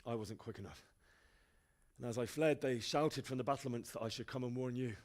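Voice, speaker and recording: An actor playing a young blacksmith's son in a video game, giving a halting, subdued report. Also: male voice, medium pitch, darkish tone, lightly acted. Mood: shaken. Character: Henry, young blacksmith's son, shaken survivor.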